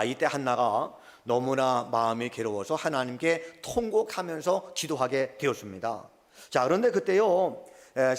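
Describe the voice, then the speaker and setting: A male pastor preaching a fervent Sunday sermon. His delivery rises and falls, with frequent interjections as he acts out scripture dialogue in his own voice. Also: medium pitch. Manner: fervent preaching, rising and falling, fillers like "자" and "예". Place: church sanctuary. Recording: long church hall reverb.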